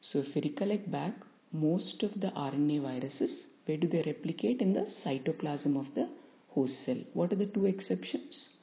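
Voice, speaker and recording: A woman lecturer explaining a topic to students in a measured, explanatory way, stressing key terms. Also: low voice. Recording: dull lo-fi recording.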